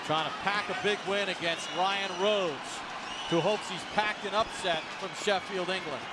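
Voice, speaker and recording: A man's voice: high voice, moderate pace, heavy background noise. A man calling boxing play-by-play in punchy, projected broadcast phrases. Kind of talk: broadcast sports commentary. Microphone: broadcast headset. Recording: loud arena crowd behind commentary.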